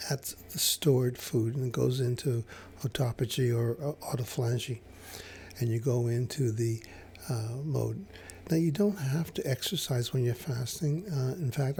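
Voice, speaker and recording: A man explaining fasting over slides in a casual, hesitant way, with many fillers and restarts. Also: medium pitch, warm tone, a little hiss or hum. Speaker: health educator.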